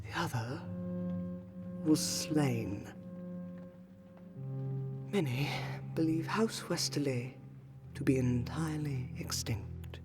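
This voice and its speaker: In this fantasy audio roleplay, a woman with a rumbling low voice portrays a centuries-old noble vampire lady who is exhausted, pained, grieving and solemn. Her intimate monologue is formal and archaic, halting and sighing, sometimes sinking to a breathy whisper, with music underneath.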